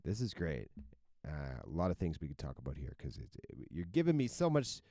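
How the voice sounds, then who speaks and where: A man's voice: rumbling low, huge pitch swings, fairly quick, gravelly, mellow, dry recording, clean studio sound. A man who produces music, giving loose, chatty feedback on a livestream. He swears now and then and stumbles over his words. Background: faint electronic music playing.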